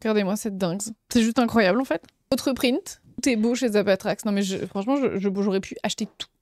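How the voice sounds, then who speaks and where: A woman's voice: medium pitch, fast, darkish tone, no echo, studio quality. A young woman, chatting casually on a live stream and gushing over her convention finds with lots of fillers. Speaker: streamer showing convention purchases.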